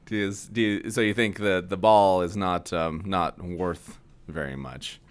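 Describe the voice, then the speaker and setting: A man co-hosting a podcast who chats casually, laughs easily and talks in an animated way. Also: sits low, measured pace. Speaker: podcast co-host. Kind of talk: casual chat.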